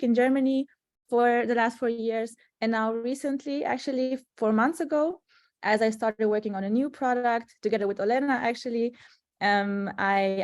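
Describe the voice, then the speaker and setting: A woman's voice: mid-range voice, darkish tone, no room sound, studio quality. A young adult woman from Romania, a product manager, talking casually with many fillers and frequent laughs, speaking from an office meeting room. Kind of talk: casual panel interview.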